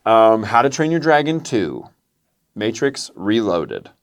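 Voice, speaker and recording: A man co-hosting a casual movie podcast, reading titles off a list. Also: slow. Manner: animated, reads titles off a list with bouncing pitch. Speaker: podcast co-host. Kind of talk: casual chat.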